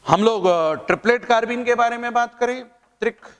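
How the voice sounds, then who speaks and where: A man's voice: extremely high pitch, fairly quick, fairly bright tone, clear, resonant tone, in a large hall. A male chemistry teacher from India, giving a playful, chatty lecture with jokes and asides. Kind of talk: classroom lecture.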